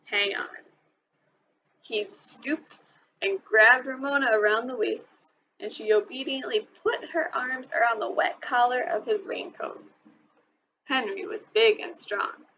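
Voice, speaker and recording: A woman teacher reading a children's novel aloud, expressive and clear. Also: on the high side, a little slow, highs cut off, a little hiss or hum. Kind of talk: storybook read-aloud.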